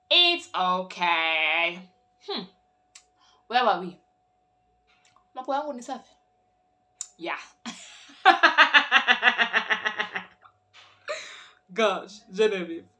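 A young Kenyan woman with a Kenyan accent chats playfully on her vlog, switching languages mid-sentence. Her voice is lowish with a fairly bright tone.

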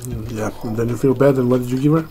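A man in his thirties, chatting casually between bites while eating a meal with his partner in a bright room. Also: mid-range voice, quick pace. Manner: relaxed, speaks few words between mouthfuls. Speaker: co-host of a food channel. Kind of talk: casual mukbang chat. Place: sunny room with large windows, indoors. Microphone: table mic in front of the couple. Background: soft background music.

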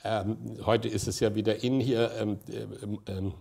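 A man's voice: lowish voice, fairly even intonation, unhurried, creaky, a little mellow. A man in his sixties, an interview guest, telling long anecdotes with many hesitant fillers and chuckles. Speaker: interview guest, festival director. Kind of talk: anecdotal conversation on stage.

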